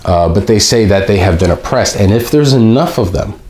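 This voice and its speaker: Man, lowish voice, reading aloud with commentary, halting, slow and deliberate. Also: expressive, a little mellow. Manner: halting, with frequent pauses and restarts; reads slowly and deliberately. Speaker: video host.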